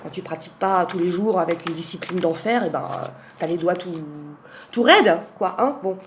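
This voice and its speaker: A woman's voice: lowish voice, normal speed, a little hiss or hum. A woman in a casual chat, presenting tarot cards one by one, rambling with fillers and asides and lifting her voice on each card name. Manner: announces card names with lifted emphasis. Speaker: tarot reader presenting a deck.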